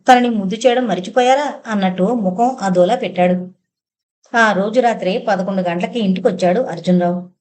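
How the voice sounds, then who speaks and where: Casting: woman audiobook narrator, middle-pitched voice, even scripted reading. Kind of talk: scripted narration of a family novel.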